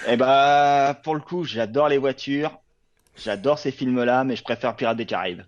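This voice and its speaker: Brief: French male guest, relaxed, short answers, mid-range voice. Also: medium pitch, normal speed, dull audio. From France. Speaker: guest, company director. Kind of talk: casual live chat. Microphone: live video call.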